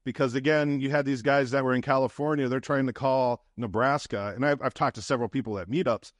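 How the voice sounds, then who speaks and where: A man from the Midwest talks through his business story in a folksy, chatty way, swinging between stories and asides. His voice sits in a middle pitch, and it is recorded close and dry with no room sound. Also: steady tone, fast talker, no echo. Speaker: podcast guest, real estate investor. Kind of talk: casual interview chat.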